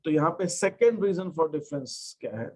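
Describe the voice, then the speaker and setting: The recording has its highs cut off, but his high, animated, slightly mellow voice comes through as he lectures on accountancy. He explains step by step, blends in English terms, and dictates them slowly while writing.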